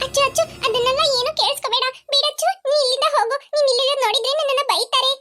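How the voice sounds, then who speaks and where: Meek, gentle, mistreated cartoon girl, voiced by a woman; very high and soft, loud score underneath. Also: rapid-fire. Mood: pleading. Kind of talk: cartoon voice acting. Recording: loud background music.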